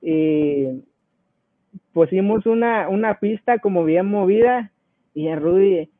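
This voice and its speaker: A man from Guatemala chats as a guest, an easygoing rapper who chuckles as he tells his stories. His voice sits high, and the sound is dry and thin like a phone line. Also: takes it slowly, no echo. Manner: easygoing, chuckles between anecdotes. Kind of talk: casual interview storytelling.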